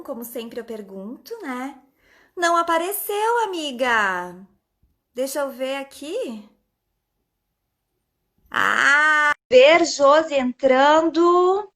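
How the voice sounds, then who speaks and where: Slow, high-voiced woman hosting a live stream. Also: fairly bright tone. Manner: greets viewers by name, chatty. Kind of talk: casual live stream chat.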